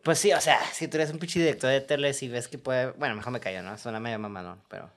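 Man, Mexican Spanish accent, crude humor, animated, medium voice. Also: medium pitch, fast talker. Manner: crude, joking, animated storyteller. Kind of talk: casual film discussion.

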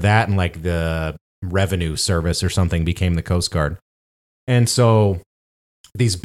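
A man, co-hosting a podcast and telling a travel story in casual chat, with lots of fillers. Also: fairly low pitch. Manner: rambling storytelling with many fillers. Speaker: podcast co-host.

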